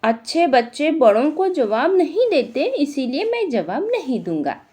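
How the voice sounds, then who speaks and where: Woman voicing a naive cheeky little boy, high and lively, slow storybook reading. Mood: innocent. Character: innocent cheeky young boy.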